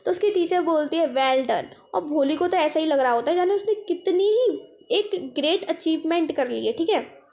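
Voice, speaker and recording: A woman's voice: very high-pitched, lively intonation, moderate pace, darkish tone. A young woman teacher explaining a chapter summary patiently, acting out the characters' lines as she goes.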